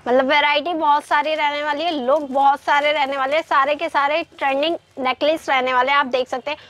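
A woman's voice: high voice, steady tone, brisk, a bit bright. A young woman presenting a market tour vlog, talking upbeat to her viewers on a lapel mic. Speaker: vlogger. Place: busy market street and small shop. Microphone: clip-on lapel mic.

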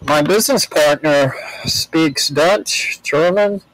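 The recording is rough as an older American interview guest tells his travel stories. He speaks slowly, his voice fairly high and bright, rambling and restarting often in a plain, relaxed manner.

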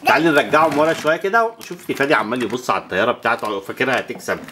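Speaking very fast in a very deep yet fairly bright voice, a woman with an Egyptian Arabic accent presents a toy channel, playing with toys next to a child and addressing viewers. She counts aloud and makes whooshing effects; there's slight background noise.

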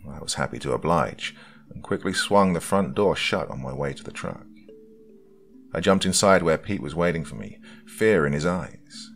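A man with an extremely deep, gravelly voice reads a first-person horror story aloud. His delivery is slow and hushed, close to the mic, with faint music playing underneath. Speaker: narrator. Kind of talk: scripted horror story narration.

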